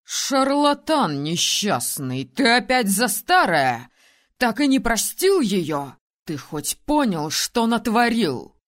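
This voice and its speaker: A woman reads as an ancient male ruler, hoarse and volatile, who snaps and shouts in a storybook reading. His voice sits low for her and swings widely in pitch. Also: lively intonation, unhurried, few pauses. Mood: furious. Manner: shouting, snapping, biting. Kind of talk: audiobook character voicing.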